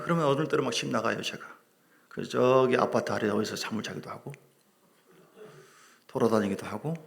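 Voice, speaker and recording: Gravelly-voiced middle-aged male pastor preaching. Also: mid-range voice. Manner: animated preaching with humor, asides to the congregation. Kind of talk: sermon. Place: church sanctuary.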